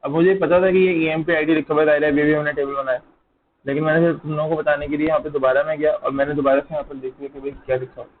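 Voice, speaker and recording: A man's voice: a little high, level tone, racing. A man teaching a live online coding lecture, talking while he types and checking in with students. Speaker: programming teacher. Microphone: close mic, dull over an online call. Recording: tinny call audio, faint noise.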